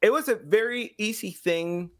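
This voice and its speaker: A podcast guest in his thirties, who works in sound design and as an engagement director, chats expressively from a home room. His voice sits high at a normal speed, and he often dramatizes imagined quotes.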